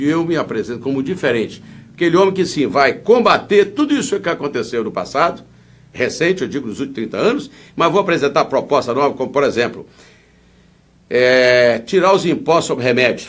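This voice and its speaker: Casting: male political candidate with Brazilian Portuguese accent, mid-range voice, fired-up and indignant, rambling emphatically through interview answers. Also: mid-range voice.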